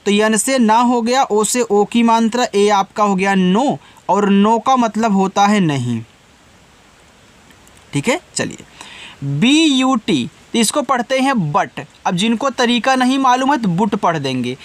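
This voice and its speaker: High-voiced man teaching English spelling. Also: animated. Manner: spells letters slowly then explains patiently, asks and answers himself. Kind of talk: Hindi-language spelling lesson.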